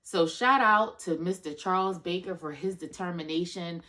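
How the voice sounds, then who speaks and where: A woman's voice: on the low side, moderate pace, bright, forceful tone. A woman in her thirties hosting a children's storytime, chatting directly to her young viewers. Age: 30s. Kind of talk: chatty introduction addressed to children.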